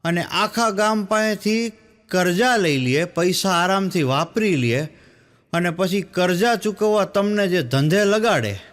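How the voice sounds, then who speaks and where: A man's voice: expressive, unhurried, a bit bright. A man, a stand-up comedian telling jokes as stories on stage and acting out the people he quotes. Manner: storytelling, acts out quoted speakers in lowered voice.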